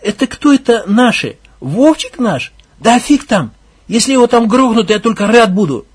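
Man doing a hot-headed young gang leader, shouting, mocking, coarse, husky edge. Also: high-pitched, a little fast. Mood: scornful.

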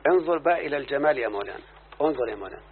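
An Egyptian man with an Egyptian Arabic accent gives a classroom grammar lesson, explaining verses line by line and checking that his student follows. His mid-range voice is expressive and rapid-fire. The audio sounds tinny and phone-like, with a faint hiss.

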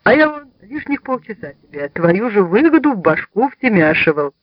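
A man playing a loud, mocking folksy sailor. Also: high voice, big pitch swings, normal speed, dry recording, voice pushed up. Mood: mocking, boisterous. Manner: loud, scornful folksy banter. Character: boisterous adult male Russian sailor, mocking and folksy. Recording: slightly dull lo-fi sound.

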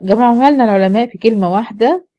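A woman's voice: a little high, racing, lo-fi sound. An Egyptian woman teaching Quran recitation, explaining step by step and asking the class questions that she answers herself. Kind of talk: classroom lesson.

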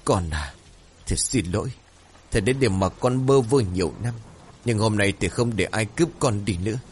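A man's voice: on the low side, animated, moderate pace, slight background noise, natural voice. A man voicing a desperate village father who snarls threats to protect his child. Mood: tender.

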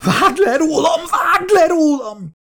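A man's voice: very high-pitched, lively intonation, bright, forceful tone, pitched above the performer's own voice, full character voice. A man voicing a panicking male biologist astronaut, screaming and shrieking in pain.

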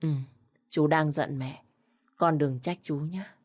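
A woman voicing a weary young pregnant widow, quiet and restrained, in a storybook. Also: low-pitched, steady tone, slow pace. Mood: tender.

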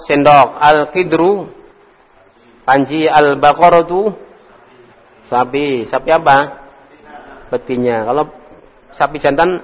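A man teaching Arabic to a class, quizzing students, correcting them with gentle teasing and sounding out words slowly. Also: fairly high pitch. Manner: drills pronunciation slowly, corrects and teases students. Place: lecture hall with students. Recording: echoey hall recording.

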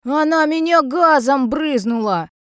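A woman reading an audiobook, voicing a pushy, creepy middle-aged drunk man who wheedles and yells. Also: medium pitch, lively intonation, a little slow, clean tone, no room sound, studio quality, lightly acted. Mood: yelling. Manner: leering, wheedling, then yelling.

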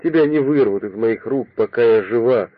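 A man's voice: medium pitch, normal speed, dry recording, close to an everyday voice. A man reading an audiobook voices a middle-aged mother in frantic, pleading disbelief, on a dry, phone-like recording. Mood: frantic grief. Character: distraught grieving mother, middle-aged woman. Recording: dry, phone-like narrow sound.

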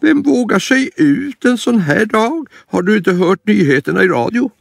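Man playing an old fretful granny, high voice, storybook. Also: very animated, creaky, dry recording, studio quality, heavily acted. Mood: worried. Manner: anxious, warning. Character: old grandmother, cautious and fussing. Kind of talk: storybook reading.

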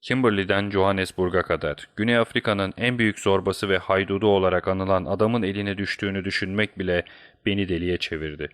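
A man's voice: deep voice, steady tone, fast talker, fairly bright tone, smooth, no room sound, clean studio sound. A man voicing a passionate, desperate young man who speaks urgently and heatedly. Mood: pleading.

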